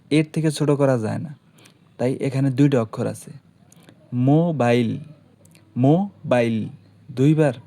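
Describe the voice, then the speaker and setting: A man gives an online lesson at an ordinary mid pitch. He explains step by step and patiently, slowing down to sound out syllables one at a time. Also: dark tone. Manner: slow, patient explaining, drawing out syllables as examples. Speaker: teacher.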